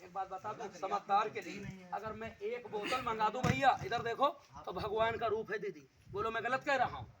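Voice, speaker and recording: Street magician guy, real high voice, hollering patter at villagers, crowd noise all around. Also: moderate pace. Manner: loud hawker-style calling to the crowd. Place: outdoor village street show. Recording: outdoor show with loud crowd.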